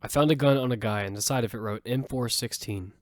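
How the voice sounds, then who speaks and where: A man narrates an audio drama in first person as its lead, telling the story with quick urgency over music. His voice is natural and medium in pitch.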